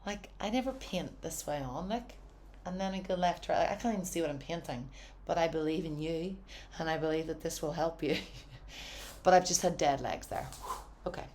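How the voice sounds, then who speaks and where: A woman's voice: deep voice, fairly quick, a little mellow, a little hiss or hum. A woman giving a casual, encouraging painting tutorial from her studio, chatty and often saying "wee". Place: home art studio.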